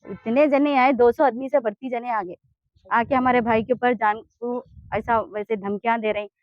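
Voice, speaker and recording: A woman's voice: fairly high pitch, fairly even intonation, normal speed, dry recording, highs cut off. A woman with a Hyderabadi Urdu accent, giving an urgent, pleading complaint in a street interview. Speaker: interviewee in a land dispute.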